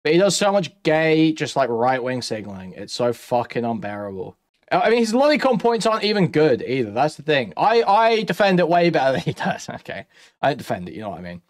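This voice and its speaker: A man with a fairly high voice talks casually and bluntly, swearing as he mocks and argues. The sound is dry, with no room on it. He comes across as an opinionated streamer commentating among others. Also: very animated, fairly quick, no room sound.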